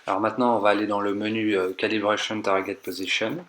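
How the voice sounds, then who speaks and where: Bright-voiced man explaining car steps. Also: lowish voice, flat delivery, fast, slight background noise. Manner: patient, repeats steps, hedges his own interpretation. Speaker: car tech tutorial maker. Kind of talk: step-by-step voice-over tutorial.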